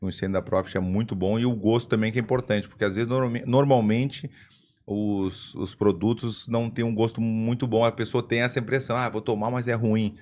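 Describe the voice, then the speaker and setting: A man's voice: lowish voice, steady tone, fairly quick, darkish tone. A man from Brazil hosting a podcast in casual chat, joking and laughing often as he teases his guests. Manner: jokey, laughs often, teasing. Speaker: podcast host.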